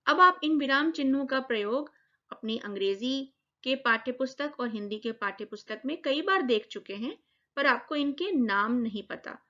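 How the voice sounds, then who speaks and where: A woman teaches young children grammar, explaining each point clearly and step by step. Her voice sits fairly high, and the recording is muffled and lo-fi. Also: expressive, moderate pace, sharp tone. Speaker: primary school teacher. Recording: dull lo-fi recording.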